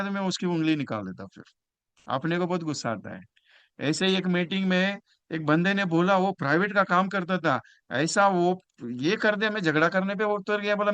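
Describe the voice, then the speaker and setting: A man giving a motivational sales training talk. He is emphatic, jumps from loud bursts to quiet asides, and acts out phone calls with clients. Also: mid-range voice, no echo.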